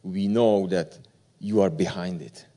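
Slow, mellow guest pastor. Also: male voice, low-pitched. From Czech Republic. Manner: courteous, grateful, simple phrasing. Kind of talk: sermon.

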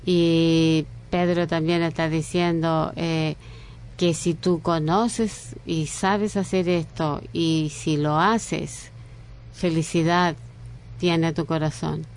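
A woman preaching a sermon in slow, earnest phrases with frequent pauses and restarts. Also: low-pitched, flat delivery, a little mellow, slight background noise.

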